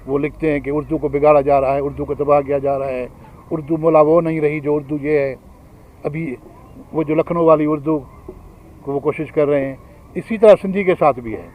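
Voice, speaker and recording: A man with a notably high-pitched voice delivers a public lecture. He argues his case earnestly and keeps a steady lecturing pace. He sounds middle-aged. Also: slight background noise, poor audio. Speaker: guest speaker.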